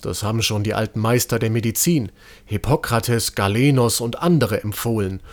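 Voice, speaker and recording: A man voicing an old court physician, excited and fussy, in a storybook reading. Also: lowish voice, normal speed, close to an everyday voice.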